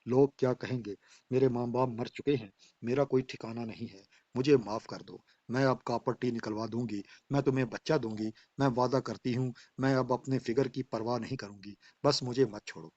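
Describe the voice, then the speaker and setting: A man's voice: mid-range voice, fairly even intonation, darkish tone, dry recording, lightly acted. A man voicing a proud, defensive wife. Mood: pleading. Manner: plaintive, defensive questioning. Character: vain, proud wife, defensive then pleading. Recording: dull, dry lo-fi voice track.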